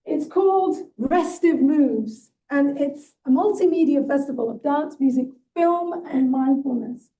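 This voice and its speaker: A woman's voice: sits high, unhurried, few pauses, warm tone, distant mic, a little hiss or hum, poor audio. A woman leading a movement workshop, coaching with encouraging asides and frequent "right?". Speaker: workshop leader and guest speaker. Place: event hall.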